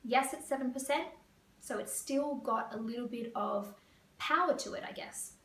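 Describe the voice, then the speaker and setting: A woman career coach from Australia, explaining interview tips to camera in a fast, lively way. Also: on the high side. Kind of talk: teaching to camera. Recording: echoey room, voice a bit far.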